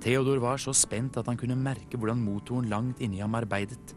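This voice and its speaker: A man from Norway narrating a children's TV story in an animated storytelling way. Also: medium pitch. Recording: music playing behind.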